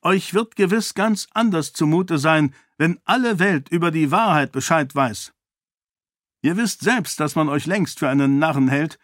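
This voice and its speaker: Strong-willed princess, read by a man in a higher voice; cold, cutting, commanding, dry recording. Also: measured pace, fairly bright tone, no room sound. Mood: cold, threatening. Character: fierce, strong-willed young princess, woman.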